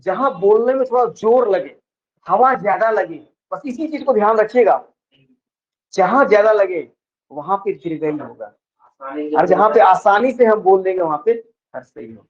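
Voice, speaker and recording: A man's voice: high-pitched, lively intonation. A male teacher from lecturing on vowels in a classroom style, often checking whether students follow. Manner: explains slowly, stretching example words. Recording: dull lo-fi sound.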